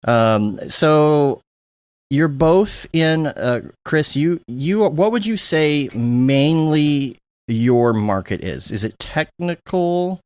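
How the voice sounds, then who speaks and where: A man's voice: a little high, animated, slow, clean tone, dry recording. A man hosting a podcast, talking in a rambling, chatty way with many fillers. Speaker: podcast host. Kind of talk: casual podcast chat.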